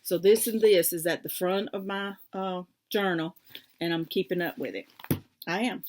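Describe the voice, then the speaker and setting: A woman's voice: fairly low pitch, moderate pace, darkish tone. A woman hosting a casual crafting vlog, rambling and easily sidetracked, with many fillers. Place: home craft room.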